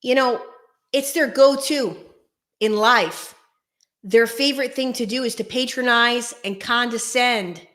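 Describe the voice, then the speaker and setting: A woman's voice: fairly high pitch, unhurried, fairly bright tone. A woman talking casually and emphatically straight to her viewers as a host, her voice echoing around a bare room. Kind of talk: casual direct-to-viewer advice talk. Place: echoey room without carpets or soundproofing. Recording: echoing bare uncarpeted room, faint music.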